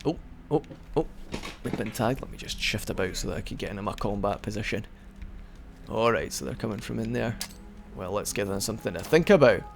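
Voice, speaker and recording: Gravelly and fairly low, this young let's play commentator talks animatedly and briskly through his game, with slight background noise behind him. His commentary is loose and chatty, full of restarts and the occasional hiccup.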